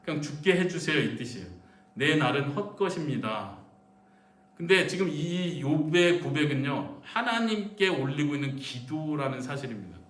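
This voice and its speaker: A man preaching in a church sanctuary, his fairly high voice carried across a reverberant room. He sounds set back from the microphone, speaking emphatically and putting questions straight to the congregation. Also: expressive, moderate pace, few pauses, a bit bright. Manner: dramatizes pleading prayers in a raised voice. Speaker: missionary preacher. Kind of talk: sermon. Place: church sanctuary during a midweek service. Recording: echoey church room, voice from a distance.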